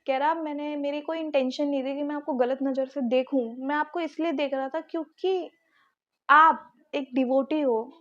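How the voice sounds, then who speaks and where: Young woman, high voice, animated storytelling, slightly dull lo-fi audio. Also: moderate pace. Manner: animated, retelling a personal story. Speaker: vlogger. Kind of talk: casual storytelling.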